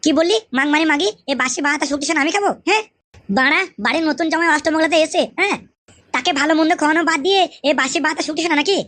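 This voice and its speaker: A woman's voice: high voice, very fast, a bit bright, dry recording. A woman voicing a hot-tempered young son-in-law in a comic skit, grumbling and swearing.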